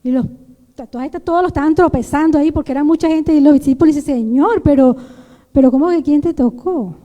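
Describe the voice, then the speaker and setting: A woman's voice: sits high, fast talker, dark tone, big-room sound, dull audio. A woman giving an emotional testimony in a sermon, retelling the story with many restarts, in a church. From Venezuela. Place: church sanctuary.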